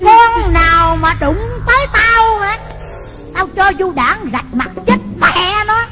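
A woman's voice: very high-pitched, expressive, measured pace. An actress playing a cruel, scheming foster mother in a stage drama, taunting and cackling threats. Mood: menacing. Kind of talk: Vietnamese cải lương stage drama. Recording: stage drama with loud music behind.

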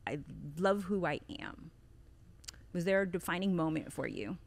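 Female podcast host, playful, energetic introductions, studio mic. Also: on the low side, normal speed, gravelly. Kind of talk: podcast interview. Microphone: studio mic on boom arm.

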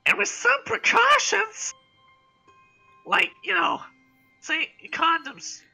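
A man voicing a sleazy male doctor with a very high-pitched, nasal voice, played for laughs in a comic reading. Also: wildly swooping pitch, slow pace, gravelly, bright, forceful tone, faint music behind, exaggerated voice. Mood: campy sleazy. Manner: sleazy, campy.

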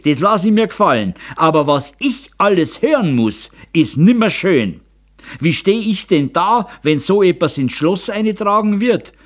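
A hot-headed Bavarian master craftsman in his fifties shouts in a high, strained voice, as a man reads him in an audiobook. His pitch swings wildly up and down. He sounds loud and worked up. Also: exaggerated voice. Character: blustering middle-aged male master craftsman, hot-tempered. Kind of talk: audiobook character voice.

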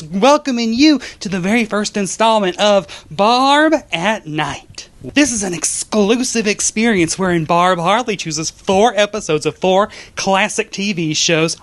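A man's voice: high-pitched, a bit bright. A middle-aged American man speaking as a campy, theatrical drag queen, hosting a scripted comedy show to camera. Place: small home office, indoors.

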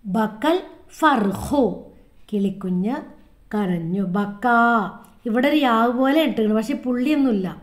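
A woman's voice: a little high, measured pace, pauses often. A woman with a Kerala Malayalam accent teaching a recorded lesson to young children, repeating words and making animal sounds in a sing-song way.

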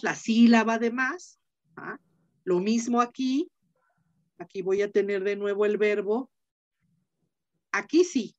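A woman's voice: on the high side, lo-fi sound. A woman teacher giving an online class, explaining step by step, repeating key points and checking in with her students.

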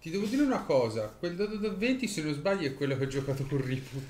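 Fast talking guy joking around at game table, echoey, noisy room. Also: on the high side, very animated, darkish tone. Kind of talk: casual table banter. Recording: roomy echo, clear background noise.

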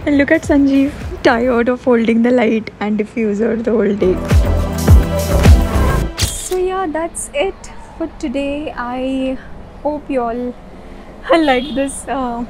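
A woman's voice: high-pitched, slow, rough recording. A woman, chatting casually to a phone camera at arm's length in a cafe, upbeat and laughing often. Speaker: vlogger and cafe owner. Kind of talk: casual behind-the-scenes vlog. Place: cafe, indoors and on a leafy outdoor terrace. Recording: phone vlog with music underneath. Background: background music.

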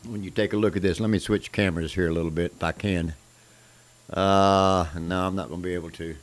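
This musician pitches a guitar for charity auction fairly quickly, with fairly even intonation, still casual and folksy in short fragments. Acoustic guitar surrounds his voice in a small home room, captured by a stand mic positioned at guitar height.

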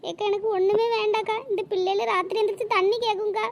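A woman voicing a grieving young mother in a cartoon, pleading and lamenting with a very high, squeaky voice. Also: flat delivery, rapid-fire. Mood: tearful lament. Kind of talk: cartoon voice acting.

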